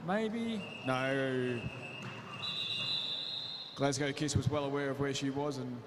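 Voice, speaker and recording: A man giving brisk play-by-play commentary on a roller derby game. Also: mid-range voice, monotone, very noisy. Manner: brisk play-by-play, drops quiet and slow for injury stoppage. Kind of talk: live sports commentary. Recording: echoey sports hall, loud crowd ambience.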